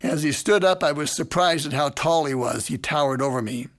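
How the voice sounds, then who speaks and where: Measured man narrating a parenting lesson. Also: on the high side. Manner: measured, deliberate storytelling. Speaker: parenting educator. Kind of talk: scripted narration of a lecture anecdote.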